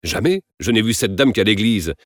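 A man's voice: on the low side, animated, moderate pace, fairly bright tone, dry recording, studio quality. Sullen, proud teenage youth, read by a male narrator; curt, cold replies. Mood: defiant. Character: proud, sullen young man of eighteen.

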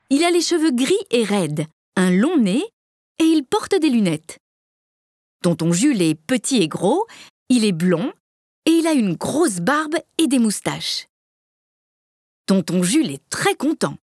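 A woman reading a children's story aloud with clear, measured storytelling. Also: mid-range voice, sing-song, a little mellow, no echo, studio quality. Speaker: narrator.

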